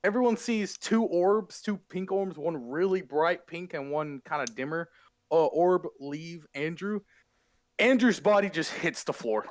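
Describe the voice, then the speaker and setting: A man's voice: fairly high pitch, animated, measured pace, no room sound. A man improvising narration as the game master of a tabletop role-playing game.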